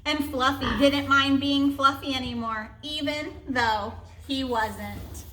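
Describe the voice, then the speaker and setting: A woman teacher reading a storybook aloud in an expressive way, adding chatty asides. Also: high voice, slow pace, roomy sound, a little hiss or hum.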